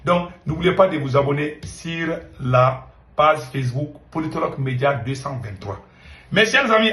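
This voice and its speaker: Excited man commenting news. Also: on the high side, echoey room. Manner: emphatic, repeats himself, urgent asides to viewers. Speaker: political commentator and channel host.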